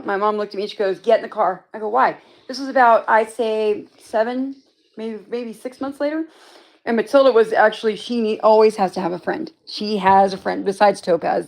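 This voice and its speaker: A woman's voice: mid-range voice, gravelly. A woman hosting a casual livestream from home, rambling through a story and answering viewers' comments as they come in. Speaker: livestream host.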